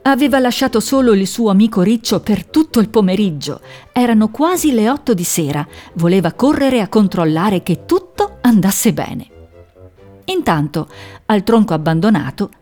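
A woman narrating a children's story in a gentle, measured storytelling manner. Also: mid-range voice, sing-song, faint music behind.

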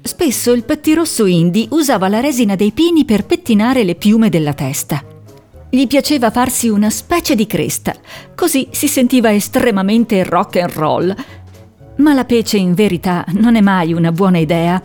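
A woman narrating a children's storybook in a gentle, expressive reading. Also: mid-range voice, normal speed, faint music behind.

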